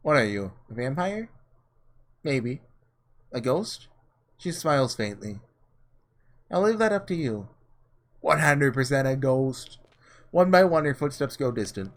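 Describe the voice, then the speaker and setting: A man with a mid-range voice sounds very animated, keeping a measured pace and pausing often. He hosts a casual gaming session, reading from a visual novel and musing out loud informally.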